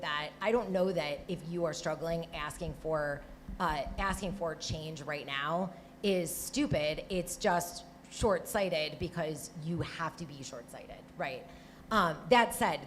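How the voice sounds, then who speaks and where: Speaking on a live panel, this woman, once a Senate staffer, has a low-pitched voice and a Michigan accent. Her talk is casual and full of restarts and little "right?" check-ins, with light hiss behind it.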